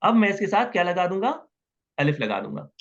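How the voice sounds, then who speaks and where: A man's voice: sits high, sing-song, fairly quick, dull audio. A man teaching Arabic grammar in an online class, patiently repeating words and asking students questions.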